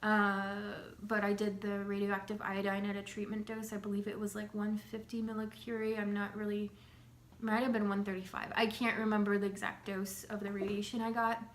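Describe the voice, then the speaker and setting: Speaking fairly quickly in a medium-pitched, completely flat voice, this young vlogger gives a casual update to camera on getting over a slight cold. Her chat is loose and full of fillers, she clears her throat, and the room echoes with a faint hum behind her.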